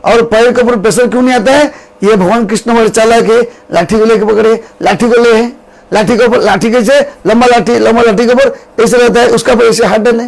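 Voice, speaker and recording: A man preaching a devotional sermon, telling the story with repeated phrases and slowly chanted verses. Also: extremely high pitch, fairly even intonation, vocal fry, low-quality recording.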